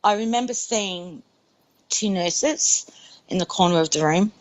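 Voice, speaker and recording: A woman's voice: medium pitch, measured pace, rough recording. A woman giving an earnest, emphatic personal testimony in an interview. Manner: earnest, emphatic, repeats herself. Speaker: interviewee recounting a near-death experience.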